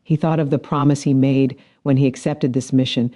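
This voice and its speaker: A man narrating a science fiction story in a measured, dramatic storytelling manner. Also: mid-range voice, fairly even intonation, warm tone. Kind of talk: scripted narration.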